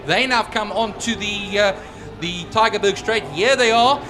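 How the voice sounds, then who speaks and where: Male race commentator with a high-pitched voice, live motorsport calls, clear vehicle noise behind him. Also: a little slow.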